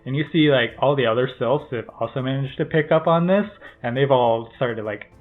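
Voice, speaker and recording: A man's voice: medium pitch, fairly quick. A man narrating as game master of a tabletop game, loosely and with many fillers. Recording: tinny phone-like call audio.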